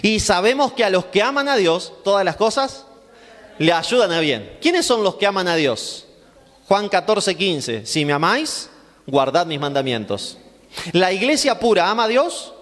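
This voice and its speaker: Male pastor, high voice, emphatic and repetitive, heard in a long-reverb hall. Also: big pitch swings, measured pace, fairly bright tone. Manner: asks rhetorical questions and answers them himself; emphatic, repeating phrases for stress. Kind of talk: Bible class sermon.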